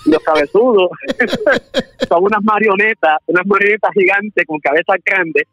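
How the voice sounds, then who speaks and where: A man's voice: high-pitched, a little slow, a bit bright, dry recording. A Puerto Rican man in his thirties, a preacher calling in by phone, telling stories in a friendly way and laughing often. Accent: Puerto Rican Spanish. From Puerto Rico. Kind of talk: phone interview testimony. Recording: muffled phone line, dry.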